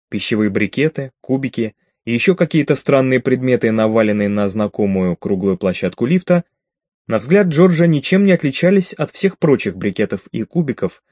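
Male audiobook narrator, steady and measured, mid-range voice, dry close mic. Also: mid-range voice, no room sound. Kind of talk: scripted narration.

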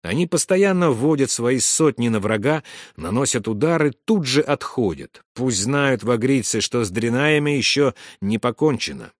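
A man reading a war story aloud in measured scripted narration, dropping to a hush for whispered lines. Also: medium pitch, lively intonation, no room sound, studio quality. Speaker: audiobook narrator.

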